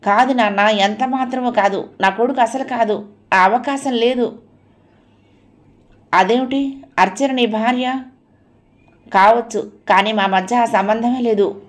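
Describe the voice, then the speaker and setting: A woman's voice: a little high, a little slow, pauses often, natural voice. A woman voicing a distraught young married man, pleading and emotional, in a storybook reading. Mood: anguished.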